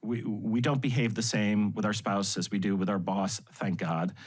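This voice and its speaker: Lower-voiced man telling stories. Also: normal speed. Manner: animated storyteller with frequent laughs. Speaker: guest. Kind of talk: anecdotal storytelling in conversation.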